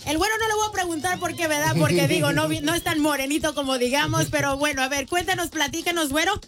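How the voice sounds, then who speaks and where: Una mujer que conduce una entrevista de radio, platicadora y animada, con muchas muletillas. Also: female voice, sits high, fast, a loud crowd. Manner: upbeat, chatty, frequent fillers. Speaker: radio host. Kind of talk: radio interview.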